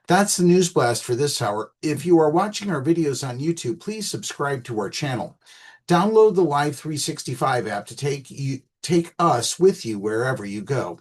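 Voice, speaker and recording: Male radio newsreader, husky, mid-pitched, reads scripted bulletin with small slips. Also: darkish tone. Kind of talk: read news bulletin. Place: radio studio.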